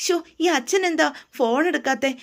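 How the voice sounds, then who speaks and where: A woman's voice: high-pitched, moderate pace, vocal fry. A woman voicing a frightened young woman who hides secrets and pleads anxiously.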